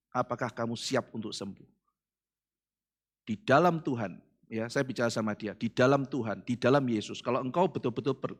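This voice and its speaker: A male pastor with an Indonesian accent preaching a sermon in a church, telling stories with acted dialogue and swinging between loud bursts and hushed asides. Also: on the low side. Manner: addresses congregation as "saudara".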